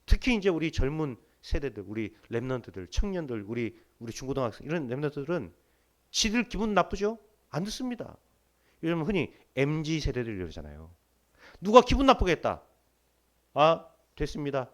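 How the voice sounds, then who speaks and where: A man's voice: a little high, sing-song, brisk. A middle-aged man preaching a sermon in church, emphatic and humorous, while sick with body aches. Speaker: pastor. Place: church sanctuary.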